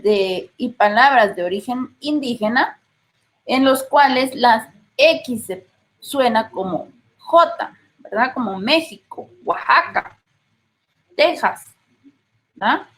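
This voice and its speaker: A woman teacher with a Guatemalan Spanish accent and a fairly high voice delivers a patient classroom lecture, captured in a low-quality recording. As she explains, she frequently checks in with her listeners through rhetorical questions.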